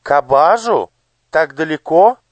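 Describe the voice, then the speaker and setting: A man's voice: fairly high pitch, expressive, measured pace, no echo, highs cut off, pitched above the performer's own voice. Man doing a sweet-voiced cruel noble lady. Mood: surprised, amused. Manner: singsong, coaxing.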